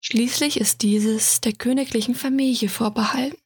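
A woman plays a young princess with a cool, dry manner in a whispered role-play. The whisper is husky and sits fairly high. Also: fairly even intonation, normal speed.

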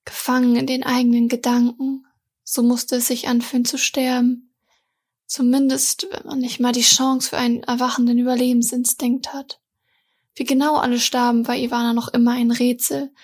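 Breathy woman reading a fantasy tale. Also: on the high side, little pitch movement, moderate pace. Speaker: audiobook reader. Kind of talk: reading a fantasy story aloud.

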